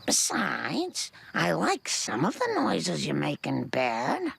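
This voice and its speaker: An actress voicing a patient, level-headed cartoon housewife with a gravelly, raspy voice who gently scolds her husband. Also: low voice, wildly swooping pitch, slow pace, exaggerated voice. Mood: fond. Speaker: cartoon wife.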